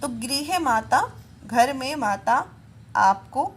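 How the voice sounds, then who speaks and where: A woman's voice: sits high, lively intonation, takes it slowly, husky. Woman teacher explaining Sanskrit grammar. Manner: reads Sanskrit lines, then explains them.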